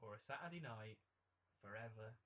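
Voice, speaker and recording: A man's voice: fairly low pitch, lively intonation, fairly quick, lo-fi sound. A man co-hosting a casual film review chat, opinionated and blunt.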